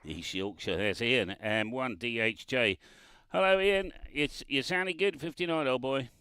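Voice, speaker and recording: Chatty bright-voiced ham radio man. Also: medium pitch, a little slow, smooth, dry recording. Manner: chatty, laughs often, reads call signs phonetically. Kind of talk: casual radio chat. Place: parked car by the road, remote radio.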